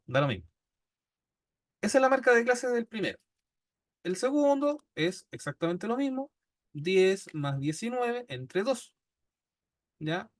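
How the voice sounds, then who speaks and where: Patient Chilean teacher, higher voice. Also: male voice, dry recording, studio quality. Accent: Chilean Spanish. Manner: patient, checks in constantly with "¿ya?". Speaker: statistics teacher. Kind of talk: classroom lecture. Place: classroom.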